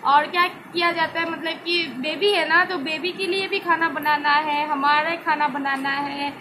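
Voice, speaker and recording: A woman's voice: high voice, steady tone, a little slow, background noise. A woman chatting casually as a mother vlogging at home, laughing often with many fillers. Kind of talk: casual home vlog chat. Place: home indoors, rain outside.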